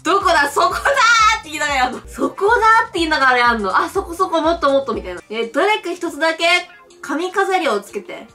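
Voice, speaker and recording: A woman's voice: high-pitched, sing-song, fast, pushed and bright, soft background music. A young woman from Japan playing a mobile quiz game, reading the questions aloud and reacting with chatty, giggly, blunt comments. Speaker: game streamer. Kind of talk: casual playthrough commentary.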